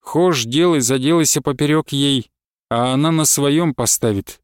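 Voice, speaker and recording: A man reading aloud and voicing a sullen young deserter who speaks low and curtly. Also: moderate pace, clear, resonant tone, no room sound, studio quality, lightly acted. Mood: grim. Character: gruff, sullen young male deserter in hiding. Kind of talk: audiobook character reading.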